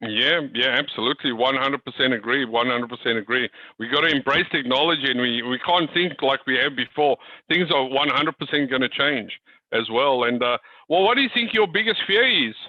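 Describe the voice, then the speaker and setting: Over dull, lo-fi video call audio, a coach talks informally to a group in a mid-range voice at a fairly quick clip, with no echo. He keeps repeating words and looping back to the same phrases.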